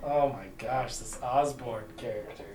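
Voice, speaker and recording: A man's voice: mid-range voice, measured pace, a little mellow, distant mic, a little hiss or hum. A man playing in a tabletop game, speaking casually. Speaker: player. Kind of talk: casual chat. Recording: echoey room from off-mic.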